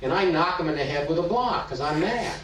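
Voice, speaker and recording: A man's voice: fairly high pitch, lively intonation, brisk, a bit bright, slight background noise. Man lecturing from far off in echoey room. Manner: storytelling, asks rhetorical questions. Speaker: psychology teacher. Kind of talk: explanatory lecture.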